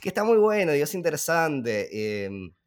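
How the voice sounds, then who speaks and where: A man's voice: on the high side, big pitch swings, normal speed. A man with an Argentine accent casually discussing a film on a podcast, thinking aloud with many fillers and restarts. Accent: Argentine Spanish.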